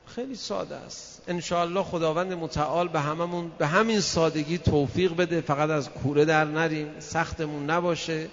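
Animated preacher man in echoey hall. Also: a little high. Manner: animated storyteller acting out quoted voices. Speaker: cleric giving marriage advice. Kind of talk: storytelling sermon. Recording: reverberant, dull lo-fi sound.

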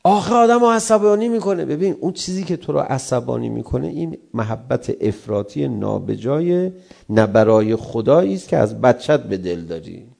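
Middle-aged man, cleric giving a sermon; gravelly, mellow, animated delivery with sharp emphatic peaks. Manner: animated, rising sharply for emphasis then dropping low. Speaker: cleric giving a religious talk. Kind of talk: sermon on family and anger.

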